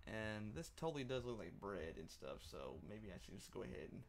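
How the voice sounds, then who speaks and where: A man's voice: lowish voice, sing-song, fairly quick, vocal fry. Rambling, chuckling man. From Kentucky, USA. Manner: rambling, chuckling, many ums and asides. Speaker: live streamer. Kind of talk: casual live-stream commentary while playing.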